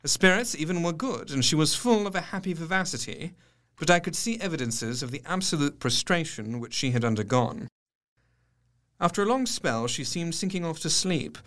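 An actor playing an earnest, observant male doctor narrating his diary in an audio drama, articulate and measured. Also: on the high side, fairly bright tone. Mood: weary, watchful. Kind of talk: scripted first-person narration, audio drama.

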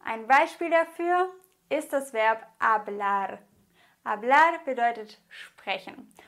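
A woman's voice: on the high side, animated, takes it slowly, a bit bright. A woman teaching a grammar lesson in a patient, encouraging way, spelling things out and repeating. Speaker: language teacher.

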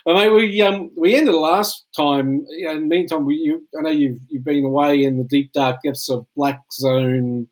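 A man's voice: on the high side, steady tone, normal speed, hardly any pauses, a little mellow, rough recording. A tired middle-aged Australian man in casual chat, rambling through anecdotes and laughing at his own jokes.

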